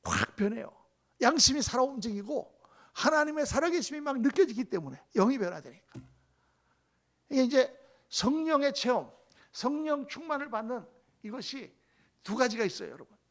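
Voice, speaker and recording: Male pastor, sermon delivery, high and gravelly, swings from emphatic calls to near-whispers. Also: animated, normal speed. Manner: swings from loud exclamations to hushed whispers.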